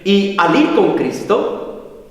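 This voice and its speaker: A man's voice: high-pitched, sing-song, extremely slow. A man preaching a sermon as pastor, emphatic and full of rhetorical questions. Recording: echoey hall, mic far off.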